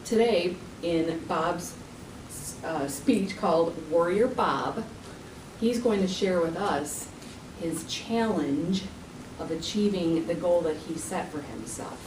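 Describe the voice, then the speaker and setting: Female introducer at a podium, formal and deliberate, distant mic in an echoey room. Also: on the low side, noisy background. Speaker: introducer of a speaker.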